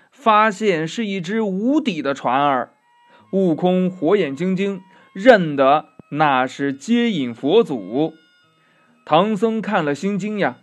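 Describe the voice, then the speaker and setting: A man narrating a children's story in a slow, expressive telling style. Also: a little high. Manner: slow, expressive, drawn-out "呀" endings.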